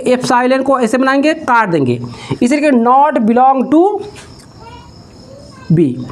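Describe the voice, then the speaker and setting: A man teaching maths in a classroom-style lecture, dictating slowly and step by step, asking questions and answering them himself, and repeating key terms. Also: extremely high pitch.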